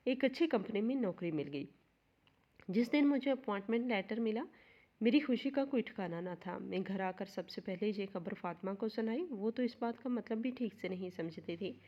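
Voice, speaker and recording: A woman telling an emotional first-person story as scripted narration, earnest in manner, in a slightly muffled recording. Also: mid-range voice.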